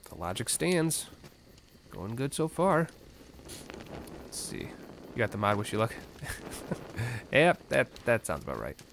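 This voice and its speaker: A man's voice: mid-range voice, very animated, unhurried, gravelly, long pauses, background noise. A man streaming a game live, chatting with viewers between wry reactions to the gameplay. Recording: game music playing behind the voice. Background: game music.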